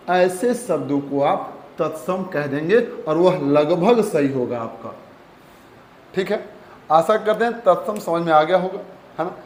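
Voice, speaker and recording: A man teaching a Hindi grammar lesson, calling his students "beta" and "bachche" and repeating each key point. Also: high-pitched. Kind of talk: classroom lesson. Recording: echoey room.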